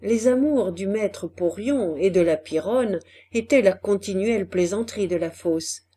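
A woman narrates a classic novel in an audiobook reading. Her voice is husky and breathy, and she takes her time, unhurried and deliberate over each phrase. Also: mid-range voice, warm tone. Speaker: audiobook reader. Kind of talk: scripted literary narration.

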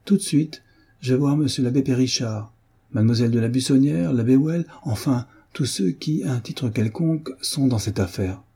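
A man reading the part of a stern village mayor in a novel, speaking firmly and declaiming a little higher than his narration. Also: moderate pace, vocal fry, mellow, husky.

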